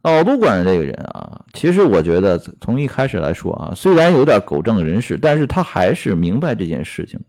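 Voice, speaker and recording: A man with a lowish voice tells an old tale, his pitch rising and falling a lot. He breaks off to comment, tossing in fillers and questions to his listeners. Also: a little fast, few pauses. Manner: lively, frequent "啊" fillers, rhetorical questions. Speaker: storyteller and commentator. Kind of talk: storytelling with workplace commentary.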